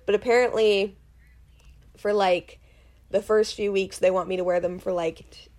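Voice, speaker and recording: A woman's voice: medium pitch, fairly even intonation, normal speed, darkish tone. A woman in her twenties co-hosting a podcast in casual chat, telling stories in a rambling, self-deprecating way. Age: 20s. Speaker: podcast co-host.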